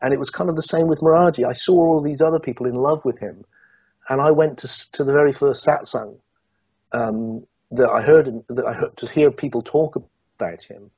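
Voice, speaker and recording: A middle-aged man from Somerset, England, speaks as an interview guest, reflective and hesitant with many restarts, though he turns animated when recounting events. His voice is mid-range, brisk and husky. The audio is dull but has no echo.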